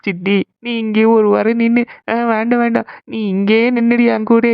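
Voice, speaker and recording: A woman's voice: on the high side, steady tone, slow, gravelly, clean tone, dry recording. A woman voicing a clingy young wife in a cartoon, pleading in a whiny way. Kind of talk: Tamil cartoon dubbing. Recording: slightly dull lo-fi sound.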